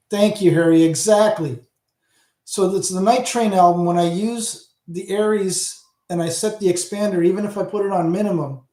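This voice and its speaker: A middle-aged man with a Southern Ontario Canadian accent speaks in a high voice with a darkish tone. As the channel host of a casual livestream chat, he rambles, talks back to his viewers, and trails off. The recording has a roomy echo.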